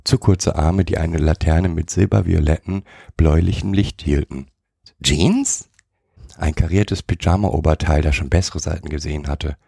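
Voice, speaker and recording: Very deep, gravelly male storyteller. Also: steady tone, normal speed, mellow, no echo, clean studio sound. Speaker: podcast storyteller. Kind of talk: reading a story aloud.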